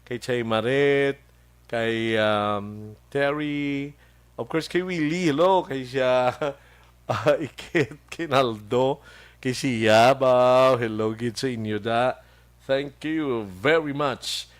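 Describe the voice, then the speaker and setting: A man with a Hiligaynon accent hosts a local radio program in a studio, greeting listeners one by one. He talks slowly in a mid-range voice, pausing often with fillers and breaking into small chuckles. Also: mid-range voice, smooth. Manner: slow, halting, with many fillers and chuckles. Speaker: radio host. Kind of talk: casual radio show chat with greetings to listeners.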